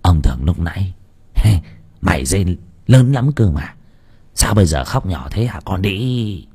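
A man voicing a lecherous, bullying old village landlord with a gruff, sneering manner. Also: sits low, very animated, measured pace, dark tone, voice pushed down, exaggerated voice.

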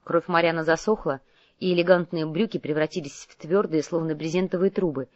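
A woman with a fairly low voice reads a novel aloud, steady and even. The sound is close and dry, with slightly dull, muffled audio. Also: a little fast, dry recording. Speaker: audiobook narrator. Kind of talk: audiobook narration.

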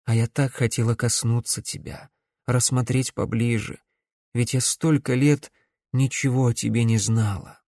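A man reading an audiobook, voicing a stern middle-aged woman necromancer who speaks in a measured, insistent way. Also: mid-range voice, fairly even intonation, darkish tone, no room sound, studio quality, lightly acted.

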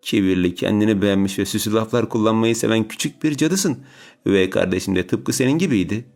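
A man's voice: lowish voice, quick pace, vocal fry, darkish tone. A man voicing a spiteful, scornful middle-aged woman who sneers and spits insults in an audiobook. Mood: sneering.

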